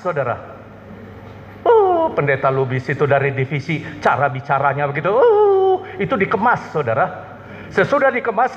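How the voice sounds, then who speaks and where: Animated Manado-accented preacher in a reverberant hall. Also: male voice, high voice, a little hiss or hum. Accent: Manado Malay. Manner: joking, animated, keeps addressing the congregation. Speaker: pastor. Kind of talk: humorous sermon with call-and-response. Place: church hall. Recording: dull sound with long hall reverb.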